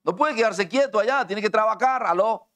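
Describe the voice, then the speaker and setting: A man's voice: high voice, brisk, fairly bright tone. A middle-aged man with a Colombian accent preaching a sermon as pastor, talking straight to his listeners and explaining with everyday examples. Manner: direct, conversational preaching that addresses listeners personally; explains with everyday examples and acts out quoted dialogue.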